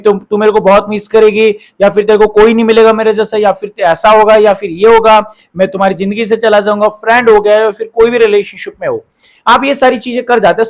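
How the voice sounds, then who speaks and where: A man hosting a relationship advice talk, lecturing viewers in a repetitive style full of rhetorical questions and quoted examples. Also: high voice.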